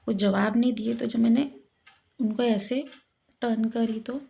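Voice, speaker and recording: A woman telling a personal story with emotion, halting and repeating herself. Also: a little high, steady tone, gravelly, mellow. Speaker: vlogger.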